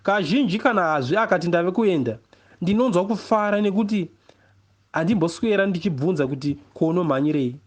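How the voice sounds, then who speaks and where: Reading a first-person literary story, this novel reader and poet has a Zimbabwean accent and a voice that sits high. He is expressive throughout, measured, with deliberate pauses.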